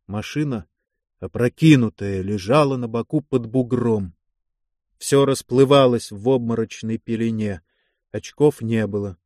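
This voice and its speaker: A man's voice: medium pitch, darkish tone, dry recording, studio quality. Man narrating a war novel. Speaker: audiobook narrator. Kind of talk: scripted narration.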